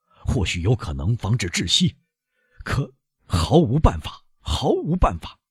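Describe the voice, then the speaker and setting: A commanding doctor in a crisis, as a male reader plays him, pressing question after question. He sounds low and husky, with lively, rising pitch, in a dry audiobook recording. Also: normal speed, no echo, full character voice. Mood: desperate.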